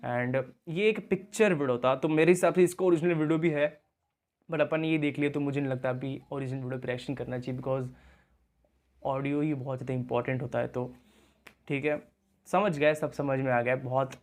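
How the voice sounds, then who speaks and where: A man's voice: medium pitch, fairly even intonation, a little fast, a little mellow. A young man hosting a reaction video, explaining things in casual commentary and mixing English words into his talk. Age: young adult.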